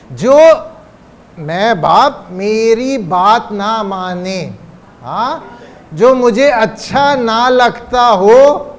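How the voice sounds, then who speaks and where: A man delivers a religious lecture. He poses rhetorical questions and slows down on the phrases he wants to stress. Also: very high-pitched. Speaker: cleric giving a religious lecture. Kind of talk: Urdu religious lecture on parenting.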